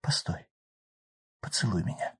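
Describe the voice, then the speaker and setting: A man voicing the quiet, near-whispered soul of a dead young woman in a storybook. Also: fairly low pitch, moderate pace, slightly rough, pitched above the performer's own voice. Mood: hushed sorrow. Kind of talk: audiobook character voice.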